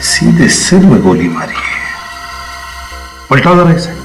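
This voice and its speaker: An actor playing a police investigator examining a body, speaking in a measured, deliberating way. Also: male voice, mid-range voice, big pitch swings, over music. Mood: thoughtful. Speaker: investigating officer. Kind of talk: TV crime drama acting.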